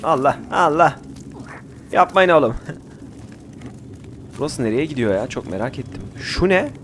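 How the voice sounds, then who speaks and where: A man's voice: mid-range voice, very animated, normal speed, slight background noise. A young man giving casual commentary while he plays a survival game, chatting and ordering his group around, with sudden outbursts. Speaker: gameplay commentator. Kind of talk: casual Let's Play commentary.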